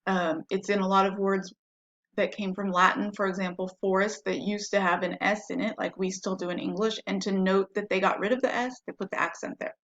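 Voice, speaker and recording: A woman's voice: mid-range voice, fairly even intonation, fairly quick, a bit bright, muffled recording. Patient woman teaching a language lesson. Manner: patient, explains step by step and spells words letter by letter. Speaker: French teacher. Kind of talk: classroom-style lesson.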